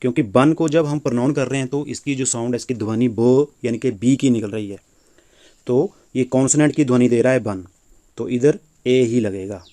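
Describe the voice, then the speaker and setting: A man's voice: mid-range voice, moderate pace, mellow. A man teaching a grammar lesson, patiently explaining and repeating points with rhetorical questions.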